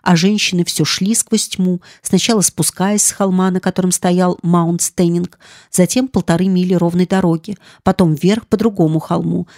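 A woman narrating an audiobook in a measured, dramatic storytelling manner. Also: fairly low pitch, darkish tone, no echo, clean studio sound. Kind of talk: scripted narration.

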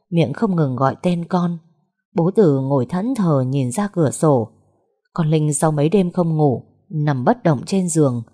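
A woman narrating a sad story in a slow, somber, measured way. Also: low-pitched, warm tone.

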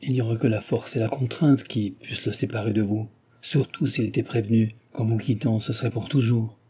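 A man's voice: on the low side, steady tone, fairly quick, mellow, husky. A man reading aloud and voicing a stern, dignified older noblewoman who argues earnestly and persuasively.

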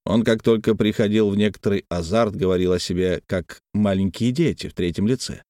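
Мужчина читает классическую прозу в аудиокниге, выразительно и размеренно. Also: male voice, on the low side, no echo, studio quality. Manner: expressive, measured reading. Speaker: audiobook narrator. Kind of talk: scripted literary narration.

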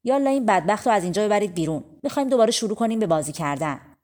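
A woman's voice: medium pitch, expressive, a little mellow, lightly acted. A sly scheming devil, as a woman storyteller puts him on. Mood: gloating. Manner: wheedling, then wailing in pain.

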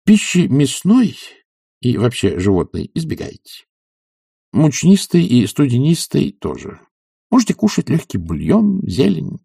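A man playing a brisk lecturing doctor. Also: on the high side, wildly swooping pitch, vocal fry, warm tone, breathy edge, dry recording, studio quality, voice pushed up, exaggerated voice. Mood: advising. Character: fussy middle-aged male doctor giving advice.

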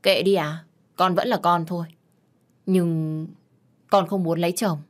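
A woman's voice: fairly low pitch, fairly even intonation, a little slow, natural voice. Woman voicing a tender young daughter. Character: young daughter, loving and stubborn.

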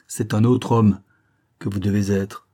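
A man's voice: fairly low pitch, fairly even intonation, measured pace, dark tone. A man reading a novel aloud, voicing a devoted young daughter who pleads earnestly with her father. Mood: pleading. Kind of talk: audiobook character reading.

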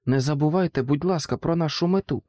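A man's voice: a little high, quick pace, warm tone, no room sound, studio quality, natural voice. A man voicing a proud, fawning female courtier who speaks in a raised, haughty tone. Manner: haughty, smooth, ingratiating.

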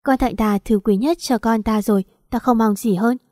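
Woman reading as an older royal consort, motherly, soothing, mellow warm voice. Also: fairly high pitch, steady tone, normal speed, no room sound, studio quality, natural voice. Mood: tender. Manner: soothing, affectionate.

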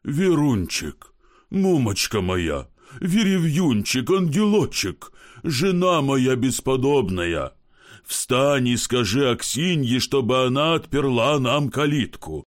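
A man voicing a drunk middle-aged gentleman who coaxes and curses, fussy and blustering. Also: medium pitch, big pitch swings, takes it slowly, voice pushed up. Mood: coaxing. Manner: coaxing, then cursing in frustration.

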